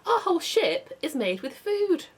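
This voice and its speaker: A woman voicing a cheerful, clever young boy who speaks brightly and eagerly, in a storybook reading. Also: extremely high pitch, sing-song, unhurried, pitched above the performer's own voice, full character voice.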